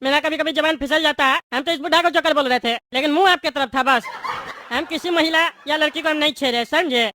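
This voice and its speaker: Woman as bald cartoon politician man: boastful, cowardly, quick and shrill, dry sound. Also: sharp tone, dry recording. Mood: grovelling. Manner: whiny, blustering then grovelling. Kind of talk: cartoon voice acting.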